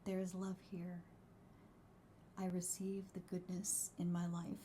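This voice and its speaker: A woman guiding a meditation in a soft, hushed, soothing voice that slips close to a whisper, unhurried and gentle. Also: on the low side, completely flat delivery, a little hiss or hum. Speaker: host, wellbeing coach and meditation guide. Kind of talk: guided meditation.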